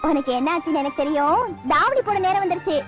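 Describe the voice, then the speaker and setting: An actress playing a sharp-tongued young village woman, bossy and caring, in quick-witted film dialogue. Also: very high-pitched, expressive, lo-fi sound. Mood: confident. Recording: film soundtrack with music behind.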